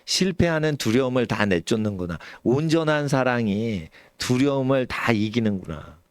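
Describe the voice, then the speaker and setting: Lively, animated male preacher. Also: moderate pace, no echo. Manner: animated, suddenly shouts or drops low, acts out quoted elders. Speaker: pastor. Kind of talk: sermon. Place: church sanctuary.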